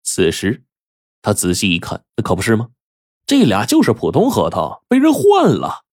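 A man telling a traditional story in a lively, animated storyteller manner. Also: on the low side, normal speed, no room sound, studio quality. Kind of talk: oral storytelling.

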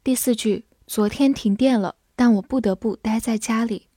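A woman English teacher narrating a vocabulary lesson, slowly repeating each word twice before giving its meaning. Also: a little high, dark tone, no echo, studio quality. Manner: slow, drawn-out word repetition.

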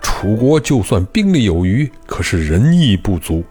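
A proud old duke, sure of his own virtue, lectures his officers in a lively, swooping voice, as a male storyteller puts him on. The tone stays mellow and low underneath his indignation. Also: moderate pace, husky, soft background music. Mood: scornful. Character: old stubborn self-righteous duke, male.

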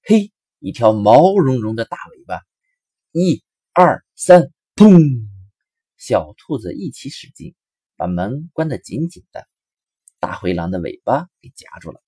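Lively husky storyteller man. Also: fairly low pitch, moderate pace, no echo, clean studio sound. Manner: expressive, rising and falling storyteller delivery. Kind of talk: children's story narration.

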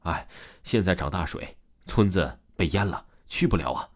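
A man's voice: sits low, lively intonation, moderate pace. A man voicing a frightened village gambler who talks in a trembling, hasty, placating way. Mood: nervous.

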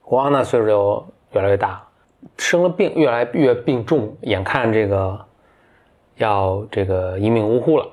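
A podcast host tells a fairy tale in a casual, chatty manner, full of fillers and restarts. His voice is lowish and darkish in tone, at a moderate pace.

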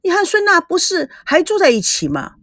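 A woman's voice: high voice, very animated, measured pace, no echo, studio quality, heavily acted. A woman voicing a cocky, clever teenage girl in an audiobook, talking in a coaxing, know-it-all way. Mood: pleading. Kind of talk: audiobook character voice.

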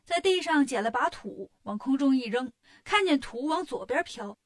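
A woman narrating a children's story in a lively, sing-song, expressive way. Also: high-pitched, normal speed.

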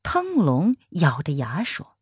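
Expressive husky woman storyteller. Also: low voice, a little slow, no room sound, clean studio sound. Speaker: narrator. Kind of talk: audiobook martial-arts story reading.

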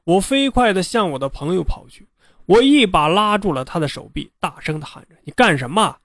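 A man narrating a ghost story in an unhurried, conversational way. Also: sits high, very animated, a bit bright, dry recording, clean studio sound. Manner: unhurried, conversational telling with drawn-out particles.

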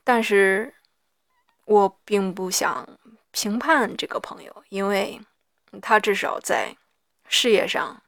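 Slow, hoarse, gravelly-voiced woman. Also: medium pitch, a bit bright, no echo. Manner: halting, reflective, pausing mid-sentence. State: hoarse after an hour of reading aloud. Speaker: solo audio diarist. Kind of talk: personal audio diary, reflective monologue.

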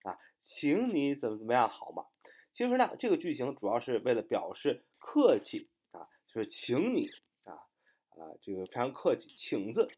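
A man teaching an English grammar lesson in Chinese, explaining step by step with many fillers and reading his English examples slowly and carefully. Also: medium pitch, wildly swooping pitch, a little mellow. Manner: spells words letter by letter, slow deliberate English examples; frequent fillers, explanatory and repetitive.

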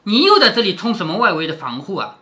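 A man reading the lines of a cheerful, teasing high-ranking young maid in a storybook reading. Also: very animated, quick pace, bright, forceful tone, exaggerated voice. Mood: breezy.

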